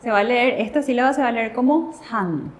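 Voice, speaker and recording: A woman co-hosts a televised language lesson. Her voice sits a little high, and she explains each point clearly and reassuringly. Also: brisk. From Paraguay. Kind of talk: bilingual classroom lesson on TV.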